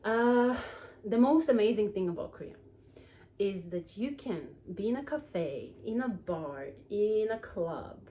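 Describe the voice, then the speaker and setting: A young woman from Norway hosting her channel, chatting casually and jumping up in pitch when she stresses a point. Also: expressive, measured pace, dull audio. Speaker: vlog host. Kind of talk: casual chat.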